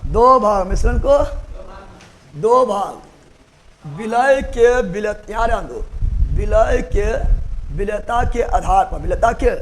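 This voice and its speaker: High-voiced man teaching chemistry. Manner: repeats key words and quizzes the class again and again; colloquial, joking asides in a regional Hindi dialect. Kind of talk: classroom lecture with call-and-response questions. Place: classroom, also streamed online.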